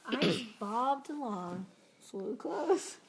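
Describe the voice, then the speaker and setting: Animated woman reading to a toddler, noisy recording. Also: a little high, very slow. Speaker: storybook reader. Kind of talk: reading a picture book aloud to young children.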